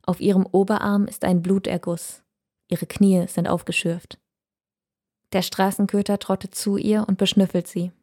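A woman narrating an audiobook in a calm, measured way. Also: mid-range voice.

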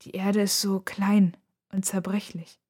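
A woman's voice: high-pitched, lively intonation, brisk, breathy edge, voice pushed up. A woman putting on a fiery young girl. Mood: whispering. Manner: urgent, snapping outbursts.

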